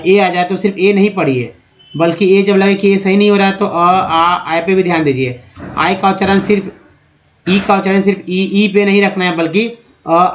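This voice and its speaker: Guy teaching english sounds, spells letters out slow, says each word twice. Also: high-pitched. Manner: slow, repeats words and letters while explaining; addresses viewers as friends, checks in often. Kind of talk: spoken phonics lesson.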